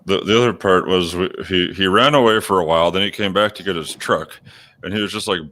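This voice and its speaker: A man's voice: sits low, a little fast, a bit bright. A man hosting an online radio show, telling a casual story and swearing freely. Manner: swears a lot, laid-back storytelling. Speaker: podcast host. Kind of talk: casual chat.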